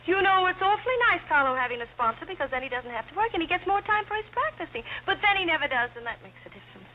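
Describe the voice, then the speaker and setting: A muffled, noisy old film soundtrack carries a scatterbrained young heiress. She rattles off screwball comedy banter in a high voice, gushing and bossy, hopping between stray thoughts. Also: animated, very fast. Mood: chattering, excited. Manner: screwball comedy banter, chattering in rambling non sequiturs.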